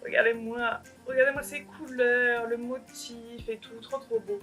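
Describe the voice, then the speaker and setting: Bright-voiced giggly young woman vlogger. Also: on the high side, level tone, measured pace, soft background music. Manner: giggly, rambling, self-mocking. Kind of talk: casual haul video chat. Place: alone at home.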